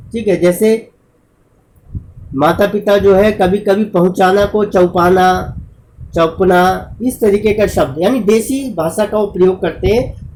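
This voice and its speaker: A male teacher gives a lecture in an unhurried, measured way. His voice is soft and mellow, and he works step by step through spoken examples. A faint hiss sits under the voice. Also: high voice, poor audio.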